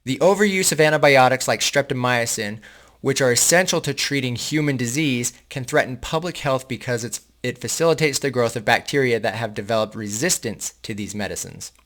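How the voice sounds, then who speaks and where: A man's voice: mid-range voice, brisk, fairly bright tone. A man hosting a channel, reading an article aloud and breaking off into casual, indignant and sarcastic asides to his viewers. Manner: casual, addresses viewers as guys. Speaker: host reading and commenting on an article.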